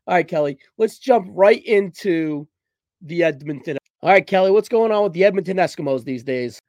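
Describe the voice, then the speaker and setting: A man co-hosting a podcast in casual chat, upbeat and quick to laugh. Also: sits high, lively intonation, a little mellow, dry recording, clean studio sound. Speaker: podcast producer and co-host.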